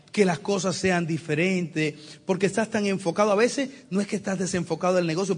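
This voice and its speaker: Guy preaching, kinda high voice, husky, funny storytelling. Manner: lively storytelling with acted quotes and humor. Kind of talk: sermon.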